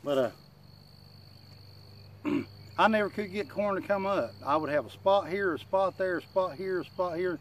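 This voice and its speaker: A man's voice: sits high, moderate pace, pauses often. A middle-aged man chats casually in plain, self-deprecating country talk, slightly muffled by a dip in his lip, giving folksy advice to a camera outdoors. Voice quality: slightly muffled speech from chewing tobacco in the lip. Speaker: gardening channel host. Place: outdoors in a wooded yard. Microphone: camera a few feet away. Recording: outdoor insect and nature noise.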